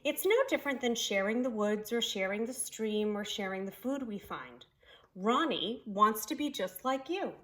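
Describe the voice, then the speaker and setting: A woman voicing a gentle mother raccoon from a storybook, with a warm, soothing, motherly manner. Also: fairly high pitch, expressive, moderate pace.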